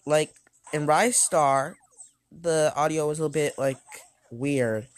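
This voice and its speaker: A woman's voice: sits low, slow. A woman giving rambling, hesitant commentary over an arcade game she is reviewing, often restarting and correcting herself. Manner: talks loudly over game music at times. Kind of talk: gameplay commentary.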